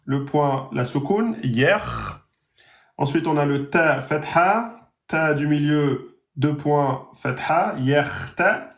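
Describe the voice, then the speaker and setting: Male language teacher in a live lesson, slow and careful, stretches out each example word, a bit higher than usual. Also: animated, a bit bright, reverberant. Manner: slow drawn-out pronunciation of example words. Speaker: Arabic teacher.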